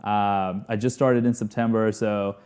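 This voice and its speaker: Soft-spoken deep-voiced male guest. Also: level tone, clear, resonant tone. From Houston, Texas. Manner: measured, hesitant, with restarts and fillers. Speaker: guest, sports team lawyer. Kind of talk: casual interview chat.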